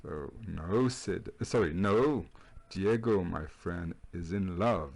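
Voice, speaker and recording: A male English teacher, going through a homework correction lesson. His voice is very deep, with a gravelly fry and a husky edge. He patiently repeats phrases slowly. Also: darkish tone.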